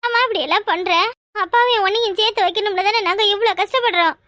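A small cartoon child, voiced by a woman pleads in a whiny voice. The pitch is very high and the pace is fast, with a dry, close sound. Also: sharp tone, no room sound. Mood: pleading. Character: small child begging its father to stay.

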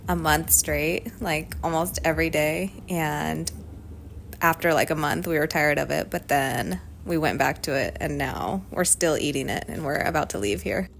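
A woman's voice: low-pitched, moderate pace, creaky, a little hiss or hum, rough recording. A young woman vlogger narrating a day trip in a casual, upbeat way, gushing and saying "like" a lot. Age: young adult. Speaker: travel vlogger. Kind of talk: casual travel vlog narration.

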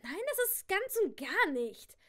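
A woman reading aloud and voicing a snippy, scornful teenage girl cousin in a higher, sharper, louder voice. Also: animated, a little fast.

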